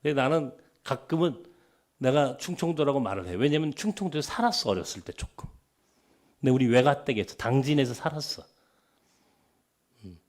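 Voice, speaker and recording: A man's voice: mid-range voice, normal speed, pauses often. A middle-aged Korean man preaching a sermon as pastor, with a light Chungcheong dialect, telling stories and acting out conversations, sometimes dropping to a whisper. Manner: animated storytelling, acting out dialogues, dropping to whispers.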